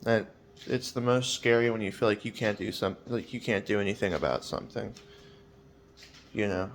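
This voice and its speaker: A man's voice: on the low side, moderate pace, slight background noise. A man in his twenties talking in a personal vlog, hesitant and rambling with many fillers, sounding weary and anxious. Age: 20s.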